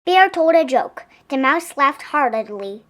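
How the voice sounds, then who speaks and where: A woman's voice: sits high, expressive, a little slow, a bit bright. A woman reading a picture book aloud expressively for young children. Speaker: storybook reader.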